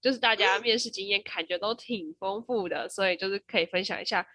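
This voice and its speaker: A woman's voice: mid-range voice, fast, no room sound, clean studio sound. A woman co-hosting a casual podcast, telling stories with frequent laughter. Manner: lively storyteller, laughs often. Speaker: podcast co-host. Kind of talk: casual chat.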